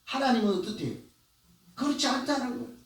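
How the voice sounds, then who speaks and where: High-voiced pastor in an echoey church. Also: male voice, expressive, fast talker. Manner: conversational preaching with questions to the congregation. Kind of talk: sermon. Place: church sanctuary. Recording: echoey church hall, voice from far off.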